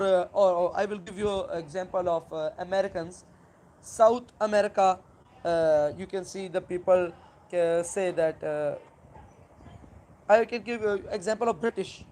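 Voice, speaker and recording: Halting Pakistani-accented live streamer, emphatic in bursts. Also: medium pitch. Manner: halting, repetitive, with searching pauses and emphatic bursts. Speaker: live stream host replying to a viewer. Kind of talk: unscripted religious argument to viewers.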